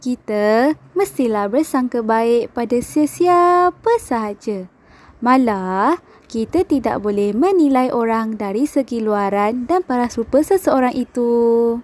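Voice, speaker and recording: A young woman, narrating a puppet show for children in a clear storytelling manner. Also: on the high side, animated, a little slow, a little mellow. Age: young adult.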